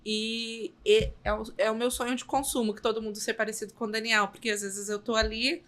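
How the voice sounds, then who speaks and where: A woman's voice: fairly high pitch, flat delivery, a little fast, a bit bright. A woman with a Brazilian Portuguese accent, a mother speaking candidly as a guest in a casual panel discussion. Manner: candid, acts out dialogue with family.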